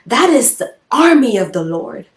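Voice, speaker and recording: A woman's voice: a little high, very animated, normal speed. A woman preaching a devotional message, emphatic and repeating her declarations for emphasis. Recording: echoey room.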